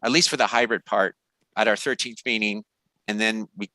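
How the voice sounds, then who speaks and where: A man chairing an online business meeting informally, with halting, hesitant phrasing. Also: on the low side, steady tone, sharp tone, no room sound.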